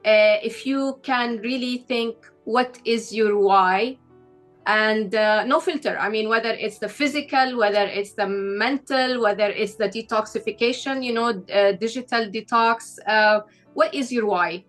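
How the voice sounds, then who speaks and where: A woman's voice: a little high, measured pace, fairly bright tone, soft background music. Encouraging woman interview host. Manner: encouraging, probing questions. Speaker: host, founder of the travel company. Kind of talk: interview hosting.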